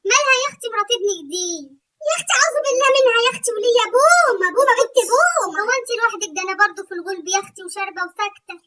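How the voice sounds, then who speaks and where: A woman voicing an aggrieved Egyptian mother-in-law who gossips and complains in a whiny, shrill way, with an Egyptian accent. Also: expressive, racing, sharp tone, exaggerated voice. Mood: complaining. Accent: Egyptian Arabic. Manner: shrill, whiny gossip, constantly saying "my sister". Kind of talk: comic sketch dialogue.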